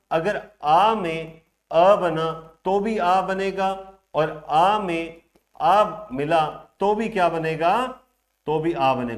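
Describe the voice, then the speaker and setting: High-voiced man teaching grammar. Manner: explains step by step, asks and answers his own questions. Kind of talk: online grammar lecture.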